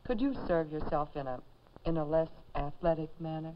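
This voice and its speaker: An actress playing a proper middle-aged mother who gently corrects her son, in a 1950s educational film. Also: low voice, normal speed, close to an everyday voice. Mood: gentle, chiding. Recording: dull lo-fi 1950s film soundtrack with faint hiss.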